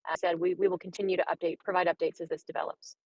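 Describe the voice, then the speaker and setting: A woman's voice: lowish voice, little pitch movement, racing, a little mellow, no echo. A woman city department director answering reporters over a video call, hesitant with frequent ums, her audio glitching and cutting out. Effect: glitchy audio that keeps cutting out. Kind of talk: answering reporters at a press briefing. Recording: dull lo-fi video call line.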